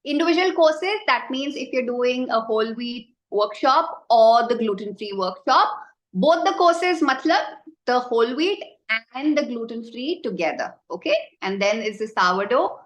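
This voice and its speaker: A woman's voice: a little high, lively intonation, measured pace. A woman with an Indian accent informally teaching a live online baking class and chattily answering questions from the group. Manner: informal, chatty explaining, often addressing the group. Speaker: baking instructor. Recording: roomy, echoing sound.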